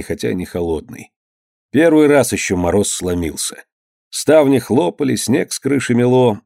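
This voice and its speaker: A man narrating a historical story in an expressive storytelling manner. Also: medium pitch, no echo, studio quality. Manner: expressive storytelling, lively delivery. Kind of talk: audiobook reading of historical prose.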